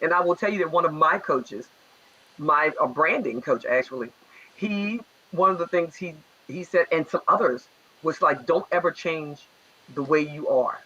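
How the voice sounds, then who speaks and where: A man with a Baltimore accent talks energetically in casual talk show chat, his voice pitched somewhat high with a husky edge. The audio is dull and lo-fi, as if coming through a remote link. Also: moderate pace. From Baltimore area. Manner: energetic, rambling, animated.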